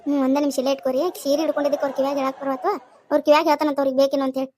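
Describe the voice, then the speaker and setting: A woman's voice: high-pitched, flat delivery, racing, a little mellow, a little hiss or hum, lightly acted. A woman voicing a bossy, exasperated village daughter-in-law with a North Karnataka accent in a cartoon comedy. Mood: loud, coaxing. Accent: North Karnataka Kannada. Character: busy village daughter-in-law shopping for a saree.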